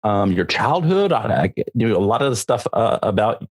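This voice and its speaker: Male interview host, slightly low pitch, easygoing and informal. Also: sing-song, moderate pace, husky. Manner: friendly, informal questioning. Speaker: podcast host. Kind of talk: casual interview.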